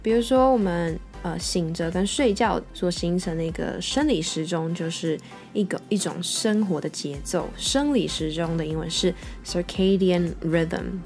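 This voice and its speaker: A woman with a Taiwanese Mandarin accent patiently explains music vocabulary, slowly repeating the English terms. Her voice is lowish with a darkish tone.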